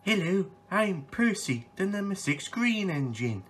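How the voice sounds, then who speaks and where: Man switching impression voices into a husky high little engine. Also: very animated, unhurried, a bit bright, full character voice. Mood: friendly. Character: friendly little toy steam engine.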